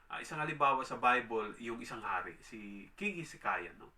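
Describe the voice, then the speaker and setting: A man gives a conversational Bible teaching, often checking in with his listeners and slowing right down whenever he reads a verse. His voice is very bright and forward, and it sounds a little distant, as if he is standing back from the microphone. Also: mid-range voice, lively intonation. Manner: tag questions, reads scripture slowly, dramatizes quotes. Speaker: preacher.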